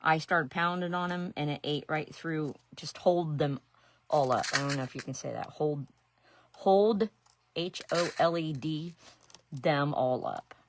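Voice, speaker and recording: A resin artist and painting teacher from Ohio, middle-aged and Ohio-accented, chats casually while crafting on a live stream. She rambles and makes self-deprecating asides. Her voice is deep and unhurried, with a little hiss or hum behind it.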